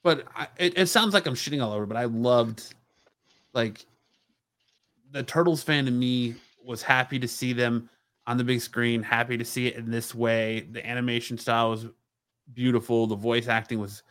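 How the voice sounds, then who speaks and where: A man's voice: mid-range voice, fairly even intonation, normal speed, fairly bright tone. Rambling man reviewing with friends. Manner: rambling, searches for words, frequent "you know". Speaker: podcast cohost. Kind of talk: casual chat, movie review.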